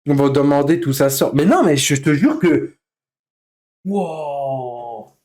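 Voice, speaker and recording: A man's voice: takes it slowly, a little mellow. A man live streaming in casual chat, venting with heavy swearing and breaking into nervous laughter as he reacts to comments. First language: French. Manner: bursts into nervous, high-pitched laughter.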